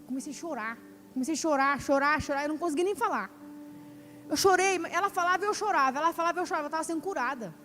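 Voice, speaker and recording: Fervent high-voiced woman preaching in church. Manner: fervent, repeats phrases, addresses congregation as brothers. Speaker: church preacher giving testimony. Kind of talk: emotional sermon testimony. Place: church hall. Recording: church hall reverb with soft music.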